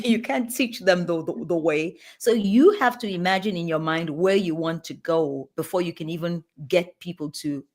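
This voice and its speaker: A woman with a somewhat low voice answers interview questions earnestly. She talks with emphasis and often restarts her phrases mid-thought. She sounds like a guest sharing her experience. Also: a little mellow. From Nigeria. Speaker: guest pediatrician and leadership coach.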